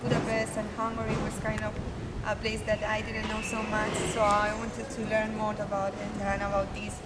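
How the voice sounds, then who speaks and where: Flat-voiced Spanish-accented young woman over traffic. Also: mid-range voice, normal speed, distant mic. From southern Spain. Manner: chatty, with frequent fillers. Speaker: exchange student. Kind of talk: casual interview answers. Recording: loud traffic noise behind.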